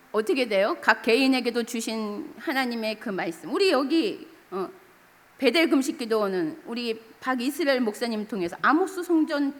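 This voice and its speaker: A woman's voice: a little high, big-room sound. A middle-aged woman pastor preaching a sermon, telling a story and asking the congregation for amens. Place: church sanctuary.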